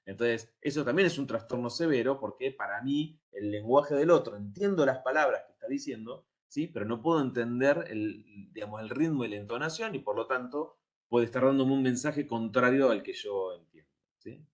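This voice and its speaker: A man's voice: medium pitch, normal speed. Man lecturing, checks in often. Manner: explanatory, checks understanding with frequent "¿sí?". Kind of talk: university lecture.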